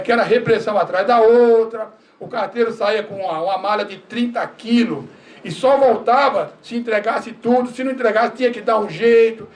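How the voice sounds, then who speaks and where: An older man, a former postal worker, telling lively stories at a seminar, acting out dialogue and often laughing. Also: high voice. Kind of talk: storytelling talk at a seminar. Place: university seminar room. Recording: distant mic, faint room noise.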